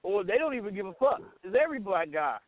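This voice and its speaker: A middle-aged American man, a radio show host, talks casually and candidly at a quick pace, his high-sitting voice swinging widely in pitch. He's blunt and emphatic, often repeating phrases. The audio is tinny and phone-like, band-limited, with no room sound.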